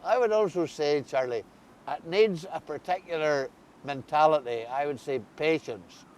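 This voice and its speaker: Speaking at a normal pace with a slightly mellow voice, an Ulster-accented man chats with his interviewee as host. The setting is outdoors by a river, where faint rumble and ambient noise can be heard.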